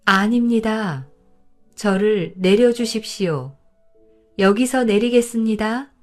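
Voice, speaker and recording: A woman's voice: medium pitch, takes it slowly, faint music behind, lightly acted. A woman voicing an arrogant young male scholar from the capital who scolds and then begs. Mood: pleading. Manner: haughty scolding, then begging.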